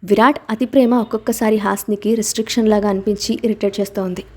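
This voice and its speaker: Mellow woman narrating an audiobook. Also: mid-range voice, fairly even intonation, fast talker. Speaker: story narrator.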